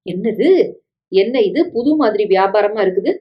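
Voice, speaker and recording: Woman voicing a reluctant grown son, hesitant, gently protesting, story reading, dull recording. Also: mid-range voice, moderate pace, natural voice. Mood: doubtful. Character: reluctant 35-year-old son, calm and doubtful.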